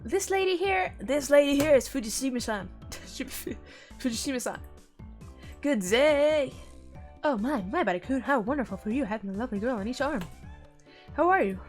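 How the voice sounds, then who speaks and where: A woman doing a gentle old village lady. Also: high-pitched, lively intonation, moderate pace, soft background music, pitched above the performer's own voice. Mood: pleasant. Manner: genteel, sing-song greeting.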